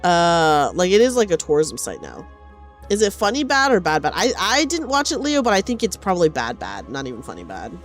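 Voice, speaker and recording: A woman's voice: on the low side, huge pitch swings, fairly quick, faint music behind. A woman streamer chatting casually and expressively, swearing a bit and reading game dialogue aloud. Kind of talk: casual livestream chat mixed with dramatic read-aloud of game dialogue.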